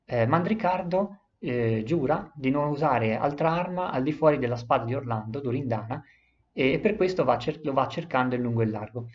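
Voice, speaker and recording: A man's voice: mid-range voice, lively intonation, normal speed, muffled recording. A man explaining and reading aloud an epic poem, with frequent hesitations and self-corrections. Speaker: literature presenter.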